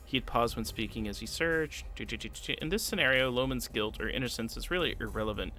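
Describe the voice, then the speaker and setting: Talking fast in a pushed, bright mid-range voice, a man prepares his tabletop campaign live on stream with background music playing. As the game master, he reads lengthy rules aloud, muses to himself, and now and then hums.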